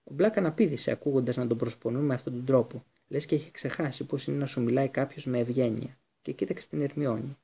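A man narrating a storybook with a steady, expressive reading. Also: medium pitch, creaky, few pauses, breathy edge. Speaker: audiobook narrator.

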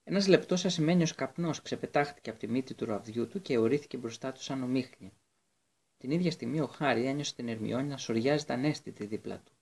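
A man narrating an audiobook in a steady reading voice, with occasional slips and restarts. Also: medium pitch, slightly rough.

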